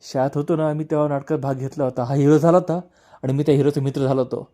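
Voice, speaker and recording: A man's voice: fairly even intonation, fast talker, warm tone, natural voice. A man voicing a tearful pleading younger brother. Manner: pleading, voice rising high. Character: grieving young man begging his brother.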